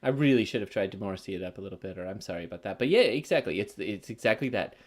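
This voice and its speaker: A man's voice: lowish voice, racing. A man chatting on a movie podcast, his voice rising and falling with plenty of movement. He jokes around and often breaks into laughter as he talks. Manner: animated, jokey, breaks into laughter. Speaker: podcast co-host. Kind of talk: casual film chat.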